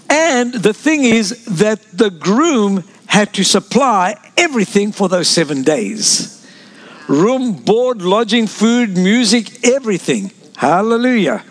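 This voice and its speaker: A South African-born pastor with a high voice preaches a sermon, peppering it with amens and side remarks to his congregation.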